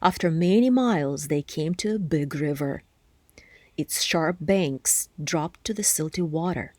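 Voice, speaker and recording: With no room sound at all, a woman whose voice sits fairly low reads a children's story aloud as a storybook narrator. Her delivery is expressive and deliberately phrased, her words trailing off in soft, breathy endings.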